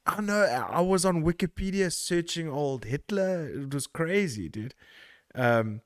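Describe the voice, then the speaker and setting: A man's voice: a little high, lively intonation, measured pace, a crowd in the background. A man from South Africa hosting a podcast in casual chat, rambling, laughing and swearing loosely. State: out of breath. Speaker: podcast host.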